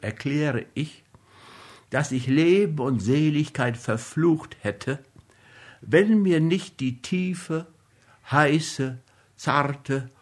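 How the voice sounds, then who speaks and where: Slow, measured male audiobook reader. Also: mid-range voice, darkish tone. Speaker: narrator. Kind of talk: literary audiobook reading.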